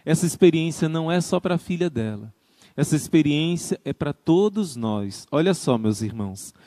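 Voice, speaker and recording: A man's voice: fairly high pitch, lively intonation, moderate pace, warm tone, no echo, studio quality. A man, a religious brother, preaching in a tender storytelling manner and acting out a mother and her little daughter in dialogue. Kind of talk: storytelling sermon from a livestream.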